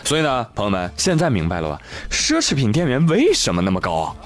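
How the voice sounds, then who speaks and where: A man's voice: mid-range voice, huge pitch swings, fast. A man giving comic news commentary full of Chinese internet slang, telling stories in an exaggerated, teasing, sarcastic way. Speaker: host of a comic news show. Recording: music playing behind the voice.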